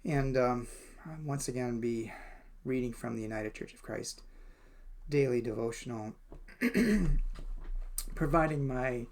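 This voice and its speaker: A man's voice: medium pitch, takes it slowly, pauses often. A man reading a daily devotional and sharing his own thoughts, speaking thoughtfully with frequent hesitations and fillers. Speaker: devotional reader and commentator. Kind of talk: reflective spoken devotional.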